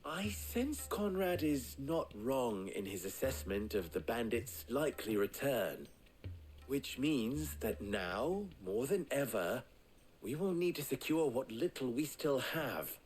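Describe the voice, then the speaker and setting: An actor in a video game playing a formal, dryly sardonic leader who speaks in measured sentences. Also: male voice, medium pitch, sing-song, low-quality recording. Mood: wry.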